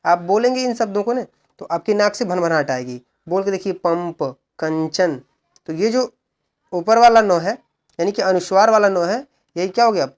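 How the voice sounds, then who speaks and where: Man teaching a step-by-step exam lesson. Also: high voice. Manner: asks questions and answers them himself; slow, repeated explaining with frequent "look" and "okay". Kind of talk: exam-prep grammar lesson.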